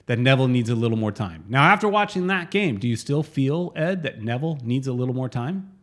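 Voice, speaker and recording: Lively joking man co-hosting a podcast. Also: medium pitch, brisk. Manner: joking, animated storyteller. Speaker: co-host. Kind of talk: casual podcast chat.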